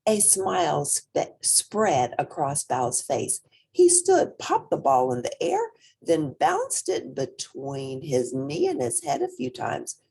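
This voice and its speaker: With a low, husky voice and an unhurried pace, a woman reads aloud from a children's picture book. Her performance is lively and theatrical, breathy and at times whispery, with certain words held longer.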